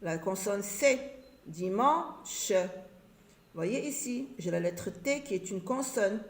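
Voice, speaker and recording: A woman teaching a reading lesson to young learners, speaking slowly and repeating each word and syllable with care. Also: mid-range voice, lively intonation. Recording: roomy echo.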